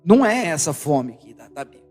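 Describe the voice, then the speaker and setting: A man with a Brazilian accent preaching a sermon, animated and emphatic, throwing rhetorical questions at his congregation. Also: a little high, fairly quick, husky, big-room sound, faint music behind. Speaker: pastor. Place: church hall.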